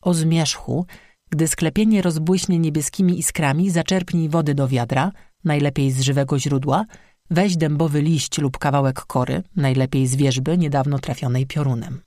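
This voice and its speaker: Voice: medium pitch, steady tone, moderate pace, mellow, no room sound, clean studio sound, close to an everyday voice. An audiobook narrator voicing a fierce, commanding star-woman who is a master smith, speaking firmly with a warning tone. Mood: instructive. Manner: firm, warning tone. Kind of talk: audiobook reading.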